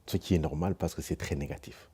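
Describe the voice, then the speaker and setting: Grave philosophical man, very low husky voice, slow testimony. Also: warm tone. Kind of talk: reflective testimony.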